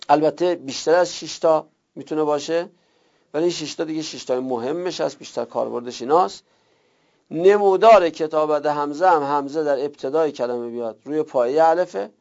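A man with a gravelly, somewhat high voice teaches a recorded lesson. He works through each point step by step and goes over his examples more than once. The recording sounds dull and lo-fi. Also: a little mellow. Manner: explains step by step, repeating examples.

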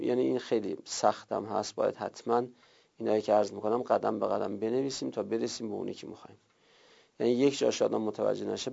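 A man teaching a class, explaining grammar step by step, drawing out word forms slowly and telling students what to write down. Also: on the low side, gravelly, darkish tone, lo-fi sound. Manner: tells students to write things down. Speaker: teacher of Arabic grammar and Quran. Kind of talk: classroom lecture.

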